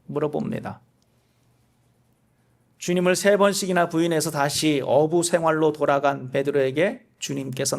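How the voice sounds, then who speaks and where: A male pastor preaching a sermon in a conversational way, asking listeners rhetorical questions and acting out quoted speech. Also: gravelly. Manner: voices quoted speech with shifts in pitch and loudness.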